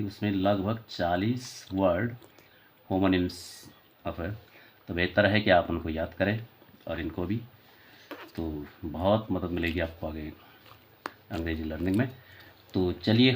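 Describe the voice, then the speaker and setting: A man teaching English vocabulary, mixing Hindi and English, spelling words out letter by letter and often correcting himself. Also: on the low side. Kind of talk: classroom lesson in Hindi and English.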